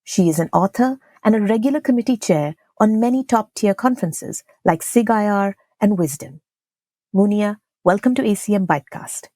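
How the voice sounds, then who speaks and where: A woman's voice: mid-range voice, moderate pace, dark tone, no room sound. A woman hosting a podcast, reading a guest introduction and asking conversational interview questions. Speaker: podcast host.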